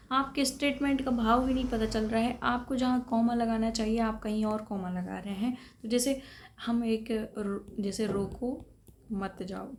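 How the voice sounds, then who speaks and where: A woman teacher gives a patient classroom lecture on computer topics for a competitive exam, explaining carefully and checking in with her students through repeated "thik hai." Her voice is on the high side with a darkish tone.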